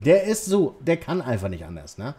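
A man's voice: mid-range voice, wildly swooping pitch, moderate pace, dark tone, slightly rough. A man giving rambling, joking let's play commentary at home, talking back to the game. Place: at home, lawnmower outside.

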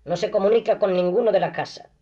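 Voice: medium pitch, fast, dark tone, pitched above the performer's own voice, lightly acted. A reader voicing a desperate, proud young woman in poverty, pleading and agitated, in an audiobook reading on a dull lo-fi recording.

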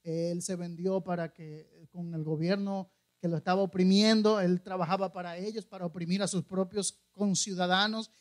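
A man's voice: high-pitched, little pitch movement, normal speed. A man preaching a conversational sermon, often asking the congregation questions and retelling scripture stories with acted-out quotes. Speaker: pastor.

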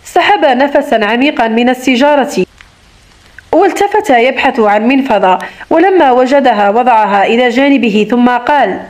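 Female audiobook narrator, high voice, dramatic novel reading. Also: animated, normal speed.

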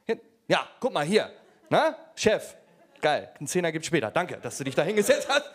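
A man's voice: on the high side, huge pitch swings, moderate pace, fairly bright tone, slightly rough. A man doing a stand-up comedy set, telling stories in a brash, slangy way. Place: comedy stage. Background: audience laughter.

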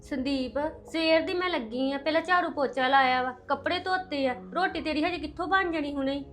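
A woman's voice: sits high, fairly quick, a bit bright, faint music behind. A woman with a Punjabi accent acting as an overworked sister-in-law, speaking in a complaining, irritated way. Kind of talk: Punjabi family drama acting.

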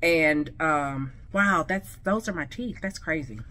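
A woman with a slight lisp, speaking with new veneers in an excited, gushing casual vlog to her viewers. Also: sits low, slow, background noise. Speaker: vlogger. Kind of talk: casual product review vlog.

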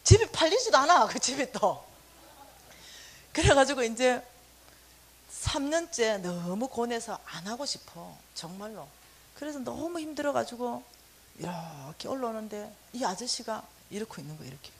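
A woman preacher delivering a sermon, telling personal stories with animated storytelling and acting out quoted lines. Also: on the high side, moderate pace, long pauses, slight background noise.

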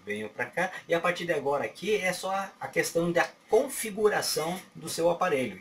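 The tech tutorial host, a middle-aged Brazilian man with a fairly high voice and a Brazilian Portuguese accent, meanders through a phone setup, often asking "right?" and plugging gaps with "certo?" and mouth noises like "pá, pá". It's a casual walkthrough from a small home-office desk, recorded on a far-off webcam mic with faint room noise.

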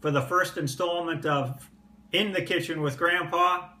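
An older man who casually demonstrates breakfast in his home kitchen, talking in a relaxed, chatty way with many "uh" fillers. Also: fairly high pitch, measured pace. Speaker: pipe-smoking home cooking vlogger. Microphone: phone or camera on the table. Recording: roomy kitchen echo, faint background hum.

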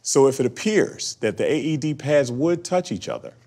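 A man narrating a scripted training lesson in a measured, explanatory way. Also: mid-range voice, big pitch swings, a little mellow. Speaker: instructional narrator.

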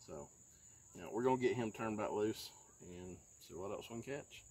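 A man's voice: normal speed, a little hiss or hum. Easygoing man on a lake dock. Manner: easygoing, often talks low and hushed. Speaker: fishing vlogger. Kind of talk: casual outdoor chat. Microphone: handheld phone camera.

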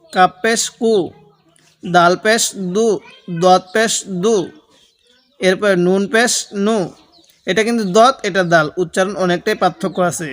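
A man teaching Quran reading, patiently sounding out each Arabic letter and vowel and correcting common mistakes. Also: high-pitched. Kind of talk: slow step-by-step lesson.

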